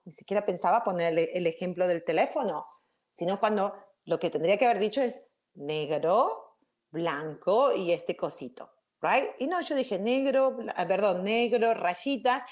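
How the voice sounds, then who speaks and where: A woman giving an informal spiritual talk to viewers. She rambles with restarts, keeps checking in with 'ok?' and drops English words into her Spanish. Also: medium pitch. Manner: chatty, checks in with frequent 'ok?'. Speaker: spiritual teacher.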